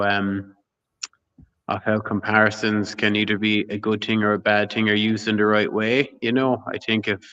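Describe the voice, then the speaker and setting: A man's voice: fairly low pitch, fairly bright tone, lo-fi sound. A man talking casually as a guest on a live stream, rambling and often asking "you know what I mean". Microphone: video call.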